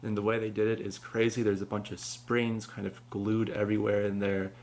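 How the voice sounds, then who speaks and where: A man's voice: fairly low pitch, flat delivery, fairly quick, a little mellow, slight background noise. A man giving casual, understated and matter-of-fact commentary as he shows and compares collectible props. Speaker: prop collector presenting his animatronics.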